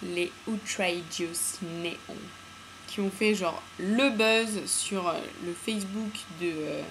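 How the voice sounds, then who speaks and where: With a voice on the low side and a slow delivery, a beauty vlogger casually and excitedly chats about nail polishes she bought, peppering her talk with fillers and slang. Street sound drifts in through open windows of her home room, making the background noisy.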